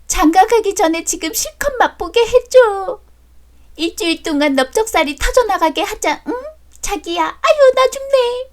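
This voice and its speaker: A woman's voice: very high-pitched, expressive, moderate pace, pitched above the performer's own voice. A woman voicing a shameless married coworker caught in an affair, with a taunting, sneering manner. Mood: mocking.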